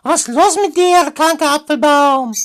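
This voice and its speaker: A woman's voice: sits high, normal speed, pitched above the performer's own voice, natural voice. A woman voicing a rude, quarrelsome teenage girl who talks in brash street slang in a comic fairy tale parody. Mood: mouthy.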